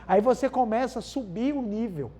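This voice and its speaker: Man, Brazilian accent, spiritual talk, mellow voice, repeats phrases, addresses the audience. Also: extremely high pitch, animated, normal speed, slightly rough. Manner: keeps addressing the audience as "gente", repeats key phrases for emphasis. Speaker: spiritual lecturer. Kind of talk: spiritual talk with everyday anecdotes.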